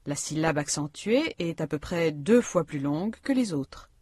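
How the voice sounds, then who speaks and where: Calm woman narrating a pronunciation lesson. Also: deep voice, normal speed, husky, dry recording, clean studio sound. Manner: calm, explanatory teacher delivery. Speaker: language-course narrator. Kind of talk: scripted instructional narration.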